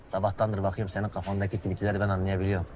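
A man's voice: sits low, monotone, very fast, a little mellow, a little hiss or hum, natural voice. A man playing a cheeky, suspicious militant comrade who eggs on his elder in comic dialogue. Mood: wary, confiding.

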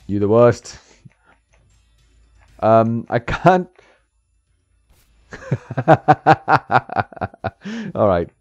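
This man's mid-range voice is very animated, stretching words out and pausing often, with no echo. He's doing casual let's-play commentary, frequently laughing and talking back to the game characters, recorded on a slightly dull lo-fi mic with game music.

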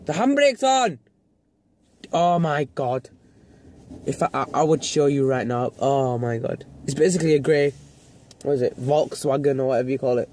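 A man's voice: medium pitch, fairly even intonation, a little fast, mellow, a little hiss or hum. A young man vlogging a ranting commentary, swearing a lot and mimicking the people he watches in exasperated tones. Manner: exasperated, swearing, mocking put-on voices.

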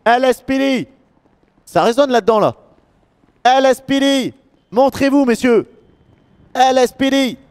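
A man playing a police officer in a roleplay game, shouting commands, his voice echoing as if he were in an enclosed hollow space. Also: very high-pitched, unhurried, pauses often, clear, resonant tone.

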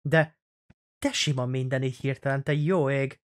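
A young man hosting a let's play, with jokey, sarcastic commentary that rambles from one aside to the next. His voice sits at an ordinary middle pitch for a man. He talks at the screen as he plays. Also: fairly even intonation.

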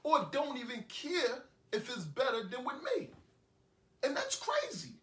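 A man's voice: very high voice, animated, moderate pace, fairly bright tone. An actor with a New York accent playing a heartbroken young man who rambles bitterly and repeats himself in an indie film monologue. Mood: heated. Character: heartbroken young man ranting after breakup. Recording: echoey room, voice from a distance.

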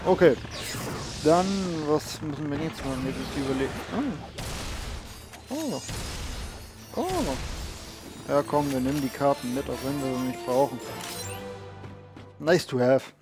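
A man's voice: mid-range voice, fairly even intonation, moderate pace, pauses often. A man giving casual, off-the-cuff gameplay commentary, repeating words as he searches for them. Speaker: let's play host. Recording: game music behind the voice. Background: video game music.

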